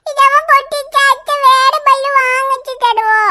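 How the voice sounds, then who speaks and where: A squeaky, piercingly bright cartoon girl, stubborn and possessive. She whines and sobs through her pleas, her tiny voice pitched extremely high and sharp. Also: fairly even intonation, normal speed, exaggerated voice. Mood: whiny stubborn. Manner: whining, crying pleas. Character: stubborn little schoolgirl, whiny and possessive. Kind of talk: cartoon voice acting.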